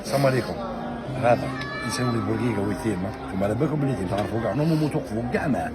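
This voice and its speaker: A man's voice: lowish voice, expressive, rapid-fire, over loud music. A man with an Algerian Arabic accent making an insistent, repetitive spontaneous appeal in the street. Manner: insistent, swears oaths, repetitive. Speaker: local supporter making an appeal. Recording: very noisy outdoor crowd.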